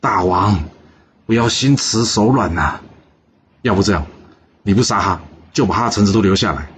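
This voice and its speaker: A man's voice: lowish voice, animated, normal speed, a little hiss or hum, natural voice. A man voicing a stern, hot-tempered male court minister who talks in an urgent, pressing way. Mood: indignant.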